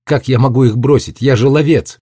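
A man's voice: mid-range voice, steady tone, fairly quick, warm tone, breathy edge, no echo, studio quality, pitched above the performer's own voice, lightly acted. A man reading a story aloud and voicing a guilty young boy who pleads in a slightly nasal voice. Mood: pleading.

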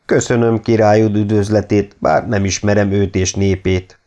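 A man voicing an impassive, dignified male ruler in an audiobook reading, calm and measured. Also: fairly low pitch, lightly acted.

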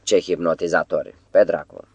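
Storybook: a troubled middle-aged writer, ironic and exasperated, read by a man in a low, dry voice. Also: steady tone, vocal fry, darkish tone, slightly rough, no room sound, heavily acted.

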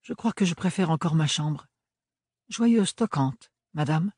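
A woman's voice: deep voice, lively intonation, a little slow, a little mellow, slightly rough, no room sound, studio quality, pitched above the performer's own voice, full character voice. A man reading an audiobook, voicing a guarded, stubborn young woman who speaks curtly and warily. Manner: curt, wary.

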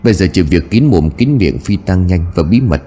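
A man's voice: low voice, lively intonation, normal speed, dark tone. A man voicing a domineering, scheming old father who curses and barks orders. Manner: barking orders, cursing.

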